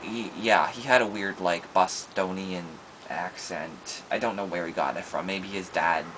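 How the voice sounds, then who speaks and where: A man's voice: low voice, a little slow, fairly bright tone, a little hiss or hum, poor audio. Man playing a shy, friendless schoolboy. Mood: sheepish. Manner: hesitant and rambling, many ums and restarts. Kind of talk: improvised comedy monologue.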